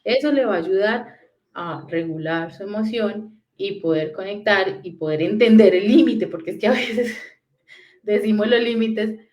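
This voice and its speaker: A woman's voice: mid-range voice, a little slow, darkish tone, echoey room. A woman patiently explaining how to talk to small children, often checking that she is understood. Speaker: parenting talk guest. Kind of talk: conversational talk on parenting.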